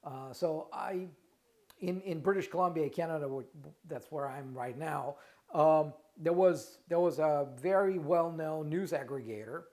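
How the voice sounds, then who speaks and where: A middle-aged trademark lawyer and company founder hosts a casual live Q&A stream in a Russian accent, his voice a touch high for a man. He's unhurried and a little mellow, often restarting, repeating words and checking in with "right?"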